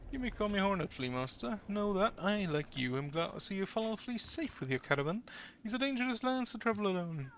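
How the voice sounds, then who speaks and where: A man's voice: high-pitched, sing-song, brisk, a bit bright, slight background noise, voice pushed up, heavily acted. A man reading a polite, reserved female wandering warrior from a video game, with formal and restrained phrasing. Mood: composed.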